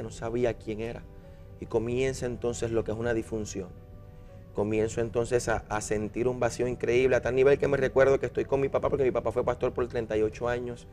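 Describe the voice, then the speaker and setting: A young Puerto Rican man, a minister, telling his life story in an interview, earnest and halting with many restarts. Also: mid-range voice, darkish tone. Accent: Puerto Rican Spanish. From Puerto Rico. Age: young adult. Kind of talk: personal testimony interview.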